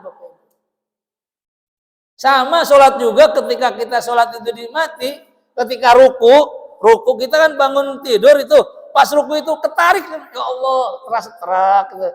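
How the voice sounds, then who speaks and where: A man with a high voice preaches at a mosque dawn gathering. He tells stories with lively energy, acts out the back-and-forth of conversations and laughs often. His voice rings with long reverb from a large hall. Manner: animated storytelling, acting out dialogue, laughing often.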